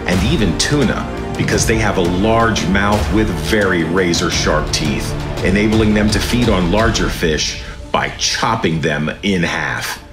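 A man's voice: deep voice, reverberant. A man reading scripted nature documentary narration in a dramatic, grandiose manner. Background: music.

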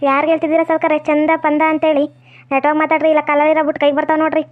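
A young woman with a North Karnataka Kannada accent playing a spirited unmarried village woman who talks back quickly. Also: high-pitched, completely flat delivery, lightly acted. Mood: pleading. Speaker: actor in a village skit. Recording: dull lo-fi audio.

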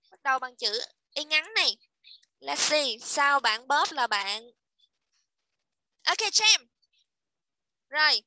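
A woman teaching an online English class to children, repeating each letter and word slowly and praising her pupils. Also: sits high, sharp tone, no room sound, low-quality recording. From Vietnam.

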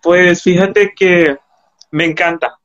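Higher-voiced man interviewing, lo-fi sound. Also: steady tone, slow, noisy background. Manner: friendly and complimentary, asks questions. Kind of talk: casual interview chat.

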